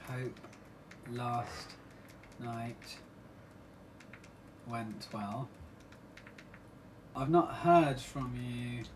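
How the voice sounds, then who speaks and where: A man's voice: mid-range voice, extremely slow, pauses often, noisy background. Man leaving a hesitant voicemail. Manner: hesitant, filled with ums. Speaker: documentary filmmaker.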